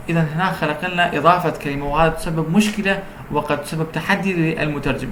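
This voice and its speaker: Man lecturing slowly in an echoey room. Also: a little high, fairly bright tone. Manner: reads English points slowly, explains in Arabic at a quicker, conversational pace. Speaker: university translation lecturer. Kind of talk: bilingual lecture on interpreting, English then Arabic. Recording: echoey room with faint background hum.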